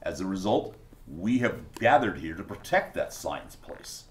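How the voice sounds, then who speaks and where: A man's voice: low voice, very animated, measured pace, echoey room. A man voicing a solemn castaway professor who preaches to a small cult.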